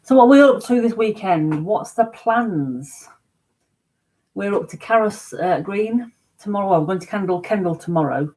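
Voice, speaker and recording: A woman chats loosely through a morning livestream from her home, drifting from topic to topic and answering viewers' comments as she goes. Her voice sits at an ordinary middle pitch, and her talk stays easygoing and rambling. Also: expressive, normal speed, darkish tone, rough recording. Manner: chatty, rambling, reads chat comments aloud. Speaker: livestream host. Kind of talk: casual chat.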